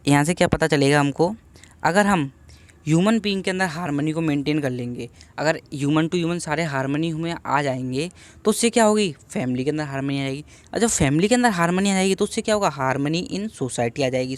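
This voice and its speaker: A young man giving a casual exam-revision lecture, reading each English point slowly and then explaining it through rhetorical questions. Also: a little high. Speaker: exam-prep tutor.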